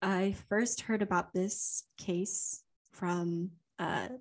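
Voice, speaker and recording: In a low-quality recording, a Louisiana podcast co-host, a young woman, rambles through an unscripted story from memory in casual chat, with plenty of ums and laughs. She speaks very slowly in a lowish, steady voice.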